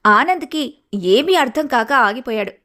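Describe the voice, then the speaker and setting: A woman's voice: high-pitched, expressive, measured pace, sharp tone. A woman narrating a scripted cartoon story in a dramatic storytelling manner.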